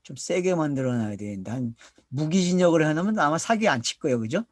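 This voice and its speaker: A middle-aged man from South Korea preaches to his congregation with a fairly high, very animated voice that swings widely in pitch. He poses questions and answers them himself, drawing out key words for emphasis. The recording is dry and close. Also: fast talker, dry recording. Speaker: pastor. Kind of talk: sermon, Bible teaching to a congregation.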